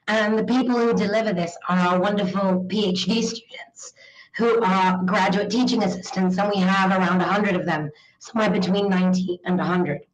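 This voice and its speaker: Woman, croaky frog voice, hoarse with a cold, academic presenter, echoey room on a video call. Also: mid-range voice. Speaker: university academic giving a panel presentation. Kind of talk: informal online presentation.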